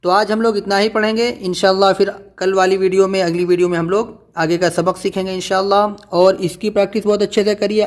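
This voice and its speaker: A man teaching Quran reading, slowly spelling out syllables in patient, drawn-out drills. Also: high voice. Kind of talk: slow spelled-out recitation lesson.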